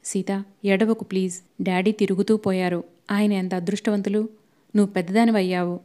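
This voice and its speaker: A woman voicing a young husband who gently coaxes and consoles his grieving wife in a storybook reading. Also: mid-range voice, fairly even intonation, normal speed, lightly acted. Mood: coaxing. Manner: gentle, coaxing.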